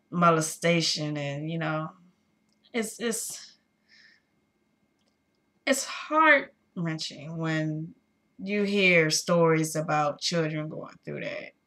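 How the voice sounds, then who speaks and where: A woman in her thirties talks to her viewers in a personal, confessional vlog. She speaks slowly in a low, bright, pointed voice, pausing often and filling gaps with little hesitations. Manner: halting, with many pauses and fillers; candid, addressing viewers directly. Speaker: vlogger.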